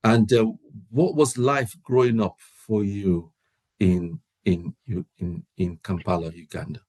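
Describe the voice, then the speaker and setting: Man, event host, interviewer, halting, repeats himself, lowish voice. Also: fairly even intonation, a little mellow. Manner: halting, stumbles and repeats words. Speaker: host of a prayer meeting.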